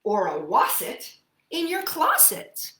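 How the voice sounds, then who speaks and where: A woman hosts a children's storytime, reading picture books aloud and chatting with young listeners in a playful, expressive, sing-song way. Her voice sits high, her pace is slow, and the sound is reverberant.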